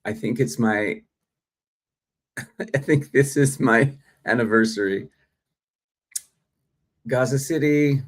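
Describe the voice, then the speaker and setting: On his live acting stream, a middle-aged man from Australia talks casually, reading out viewers' comments with frequent ums and uhs. His voice is medium-pitched, and he speaks slowly with many pauses. It sounds like a phone or desk mic.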